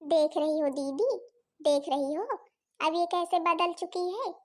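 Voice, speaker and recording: A woman's voice: sits high, steady tone, unhurried. A woman voicing a scheming young aunt by marriage in a cartoon, scolding and sarcastic, with an Awadhi accent. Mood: plotting. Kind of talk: cartoon voice acting.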